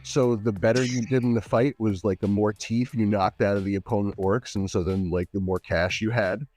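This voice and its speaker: A man's voice: on the low side, steady tone, moderate pace, a little mellow, faint music behind. A man chatting as a podcast guest, eager and full of restarts and filler words. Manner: enthusiastic, many "like" fillers and restarts. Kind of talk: casual chat.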